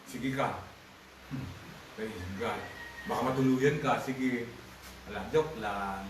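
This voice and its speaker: A man preaching a sermon as pastor, mixing Tagalog with English, swinging between loud emphatic bursts and low asides. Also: slow pace, background noise. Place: church hall. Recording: echoey church livestream, distant mic.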